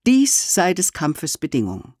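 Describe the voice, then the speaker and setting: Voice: mid-range voice, huge pitch swings, a little slow, darkish tone, slightly rough, no room sound, clean studio sound, exaggerated voice. A reader voicing a proud, fierce young huntress in a solemn verse recital. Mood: stern.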